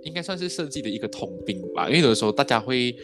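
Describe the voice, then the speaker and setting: A man hosts a relaxed podcast chat in Malaysian-accented Mandarin, sprinkling in English words. His voice swings up and down expressively at a middling pitch. Music plays clearly underneath him. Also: racing. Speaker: podcast host. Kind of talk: casual podcast interview. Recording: background music under the talk.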